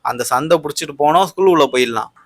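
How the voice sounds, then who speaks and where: A man's voice: a little high, rapid-fire, no echo, studio quality, natural voice. A man voicing a bold, adventurous teenage schoolboy who leads his friends, in a confident, persuasive manner. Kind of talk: voice acting for a doll video.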